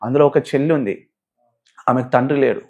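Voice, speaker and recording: In an interview, a pastor with a Telangana Telugu accent recounts his own story with deep feeling, mimicking the people he quotes. His voice is medium-pitched and his delivery brisk, giving the testimony an emotional weight.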